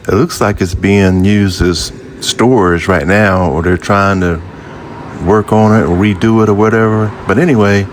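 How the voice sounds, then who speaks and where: A vlogger in his fifties from Jacksonville, United States, with a Southern American accent, tells a personal story in a casual, folksy way, talking straight to his viewers. He's outdoors by an old building near a highway, speaking at a normal speed in a lowish voice with fairly even intonation over slight background noise.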